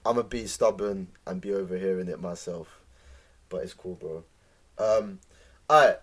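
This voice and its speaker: A man's voice: low voice, normal speed. A man with a London accent hosting a podcast in casual, slangy conversational banter. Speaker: podcast host.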